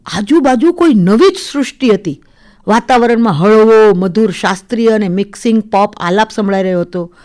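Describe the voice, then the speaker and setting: A woman narrating a literary short story for radio in a measured, expressive reading. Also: medium pitch.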